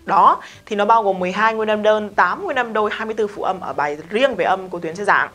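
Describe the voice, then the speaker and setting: A woman talks through an English pronunciation lesson at a middle pitch. She explains things patiently, slows down to repeat example words, and keeps checking in with rhetorical questions. Faint music plays underneath. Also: lively intonation, a bit bright. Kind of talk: casual video lesson.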